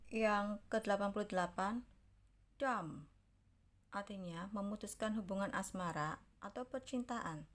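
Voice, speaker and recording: Slow, careful woman teaching English slang. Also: mid-range voice. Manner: reads example sentences slowly and carefully, then translates. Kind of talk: language lesson narration.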